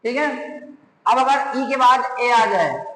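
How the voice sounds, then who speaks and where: Male grammar teacher, very high voice, slow and deliberate, spells words aloud; roomy reverberant recording. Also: expressive, sharp tone. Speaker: English teacher. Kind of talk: classroom grammar lesson. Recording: echoey room with long reverb.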